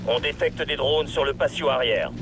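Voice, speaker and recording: A man playing a calm military command operator in a shooter game, relaying terse, procedural directions. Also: mid-range voice, moderate pace, music in the background, natural voice. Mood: calm, alert. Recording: battle and vehicle noise.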